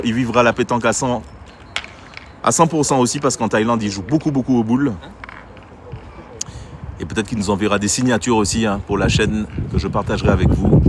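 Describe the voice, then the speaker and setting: Guy doing live boules commentary outside, chatty, faint traffic behind. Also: mid-range voice. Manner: chatty, addresses viewers directly. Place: outdoors at a pétanque ground. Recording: faint street noise outdoors.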